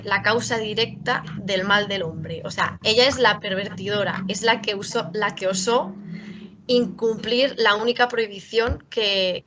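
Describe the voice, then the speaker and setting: A woman's voice: mid-range voice, fairly bright tone, muffled recording. A woman gives a university talk as a writer, speaking conversationally with frequent rhetorical tag questions and self-corrections. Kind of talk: lecture.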